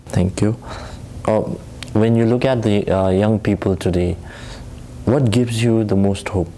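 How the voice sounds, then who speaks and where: A man asks formal, prepared questions in a polite, measured way. His voice is low and mellow, with a faint hiss of noise under it. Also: steady tone. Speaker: interviewer.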